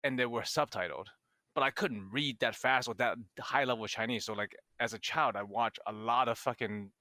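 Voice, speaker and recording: Casting: young male co-host from Hong Kong, native Cantonese speaker, bright and punchy, swears freely. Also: medium pitch, normal speed, dry recording. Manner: animated, swearing, frequent restarts. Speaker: podcast co-host. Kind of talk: casual chat.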